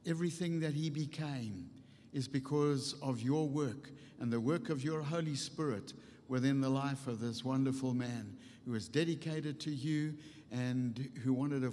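A man's voice: mid-range voice, a little slow, dark tone, a little hiss or hum. An older man, a pastor, leading an earnest public prayer in unscripted, repeating phrases. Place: church stage at a lectern, indoors. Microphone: microphone on a stand at the lectern. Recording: long hall reverb.

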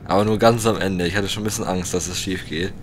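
A man's voice: fairly even intonation, fast. A young man chatting casually in a laid-back, joking way with youthful slang while playing a game. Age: young adult. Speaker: gaming video host. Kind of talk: casual let's play chat. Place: indoor room at gaming setup. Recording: engine rumble behind voice. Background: truck game engine rumble.

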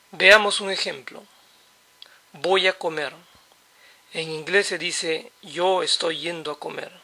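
A man's voice: on the high side, bright, forceful tone. A man teaching English basics in Spanish, patiently explaining and repeating example phrases. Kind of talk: slow, explanatory lesson.

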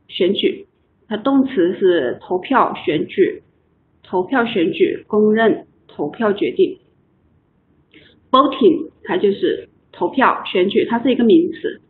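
A woman's voice: mid-range voice, animated, slow. A woman teaching an online English lesson, patiently explaining and repeating words for her students. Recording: tinny online call audio.

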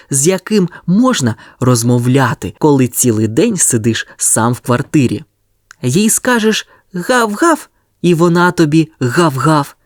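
A storyteller reading a children's audio tale with a lively, expressive voice that swings widely up and down. Mid pitch. Dry, close recording with no room sound. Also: no room sound.

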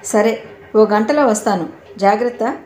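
A woman's voice: fairly high pitch, a little slow, darkish tone, natural voice. A woman voicing a young man, an affectionate and playful husband, in a storybook reading. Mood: tender. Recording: echoey room, faint background noise.

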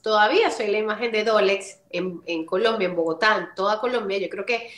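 A woman from Venezuela, a guest actress chatting in an interview and telling stories with lively acted-out quotes. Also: fairly quick. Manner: animated storyteller, acts out quotes with big pitch jumps. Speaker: actress and voice-over artist, guest. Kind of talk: casual interview chat. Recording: roomy echoey room.

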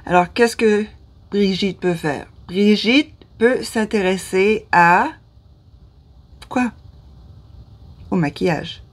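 A woman's voice: mid-range voice, takes it slowly, long pauses. A woman in her fifties from Ottawa with a Canadian French accent, talking to camera in a hesitant way, often losing her words and restarting. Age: 50s. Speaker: vlogger. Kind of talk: casual talk to camera. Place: small room indoors.

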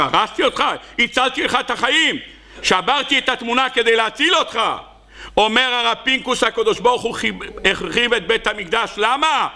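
This rabbi has a gravelly, bright, forceful voice and an Israeli accent. His Hebrew sermon is built around parables, which he narrates while playing the characters himself, breaking into sudden high cries.

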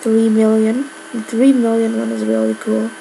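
A woman's voice: a little high, flat delivery, moderate pace, vocal fry, mellow, a little hiss or hum, rough recording. A woman giving casual gameplay commentary, rambling with lots of filler words. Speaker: gamer.

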